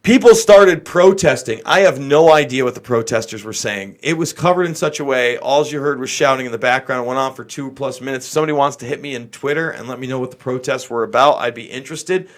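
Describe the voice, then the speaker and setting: An American man riffs off the cuff on a political livestream, speaking to his viewers in an opinionated, exasperated, emphatic way. His voice sits at medium pitch, and he talks fast with few pauses.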